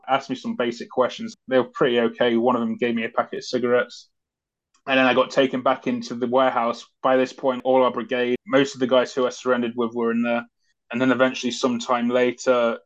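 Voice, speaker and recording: A man, a former soldier, recounting events as an interview guest in a loose, conversational way with many fillers. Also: mid-range voice. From Britain. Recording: dull lo-fi audio.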